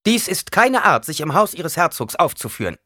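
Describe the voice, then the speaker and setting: A man voicing a proud, commanding noblewoman in an audiobook reading, sharp and imperious. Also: fairly high pitch, big pitch swings, moderate pace, no echo, studio quality, voice pushed up.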